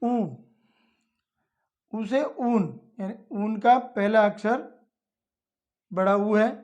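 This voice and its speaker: A woman's voice: medium pitch, drawn-out words, a little mellow. A woman teaching young children, explaining each step patiently and repeating it plainly. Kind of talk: slow step-by-step lesson for children.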